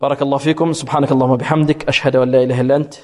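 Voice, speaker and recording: A man teaching Quran recitation rules, asking questions, answering them himself, and drawing words out slowly to demonstrate. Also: mid-range voice, level tone, darkish tone, long reverb tail. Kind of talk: tajweed lesson with demonstrated recitation.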